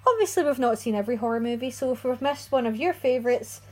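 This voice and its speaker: A chatty woman co-hosts a casual chat, her voice a little high and slightly breathy. She keeps talking and often hunts for the right word. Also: lively intonation, fast talker, rough recording. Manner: chatty, laughs often, loses her words. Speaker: podcast co-host. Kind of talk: casual chat about horror movies.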